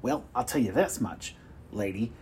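A man's voice: a little high, sing-song, normal speed, slightly rough. A man playing a pushy, insulting telemarketer who brags and swears. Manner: loud, insulting hard sell. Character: pushy rude male phone salesman.

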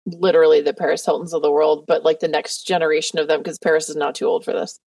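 A woman's voice: deep voice, flat delivery, quick pace, a little mellow, no room sound. A woman hosting a casual podcast, playful and self-mocking. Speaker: podcast host. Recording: dry, slightly distant mic.

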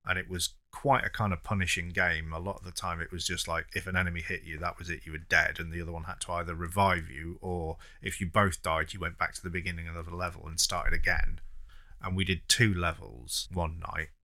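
A man's voice: sits low, steady tone, a little fast, sharp tone. A man, co-hosting a podcast in casual, teasing chat that often trails off into fillers. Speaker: podcast co-host.

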